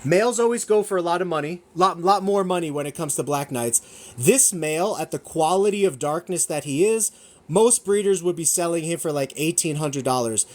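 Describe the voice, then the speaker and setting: A young gecko breeder and shop owner hosts a casual livestream sales chat, rambling enthusiastically, often correcting himself, and sometimes eating as he talks. His voice is on the high side with lively intonation at a moderate pace.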